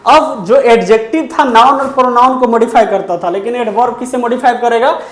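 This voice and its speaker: A woman's voice: on the high side, echoey room. Woman teacher quizzing herself aloud. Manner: asks questions and answers them herself; repeats key terms slowly. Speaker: English grammar teacher. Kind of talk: classroom grammar lesson.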